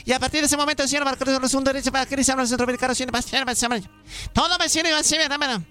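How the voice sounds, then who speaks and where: Comic radio bit: a man playing an old granny healer, very high, sharp and fast, dramatic chanting. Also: faint music behind. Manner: calls everyone "hijo", rambling mystical chants. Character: old female folk healer, fussy and dramatic. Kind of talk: radio comedy sketch.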